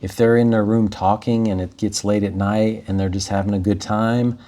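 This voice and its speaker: Mellow-voiced man giving casual host tips. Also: on the low side, fairly even intonation, moderate pace. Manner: easygoing, explanatory. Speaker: short-term rental host. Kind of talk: casual advice chat.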